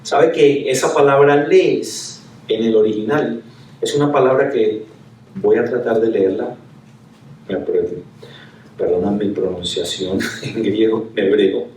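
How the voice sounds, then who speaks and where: A man's voice: lowish voice, unhurried, a little mellow. A male pastor preaching a sermon, chatty and full of rhetorical questions. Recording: echoey room, from a distance.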